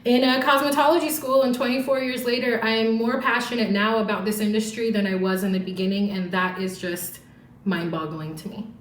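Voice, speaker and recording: On the podcast, a hairstylist in her forties from Orange County, California, chats frankly and casually, with laughter and swearing. Her voice runs on the high side, brisk and steady in tone. The room is echoey and there's a bit of hiss or hum.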